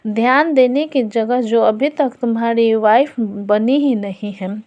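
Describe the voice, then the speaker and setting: A woman's voice: fairly high pitch, a little slow, a little mellow, highs cut off, natural voice. A woman storyteller voicing a jealous, scheming young wife who speaks in a pushy, demanding way. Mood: resentful.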